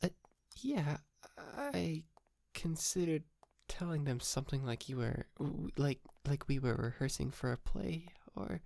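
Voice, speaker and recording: A man takes on the ASMR role of a wealthy, polite, sheepish young yandere kidnapper, his voice on the high side and soft, hesitant, stammering, and now and then breathy and whispered. He sounds sheepish and earnest, with no echo in the recording.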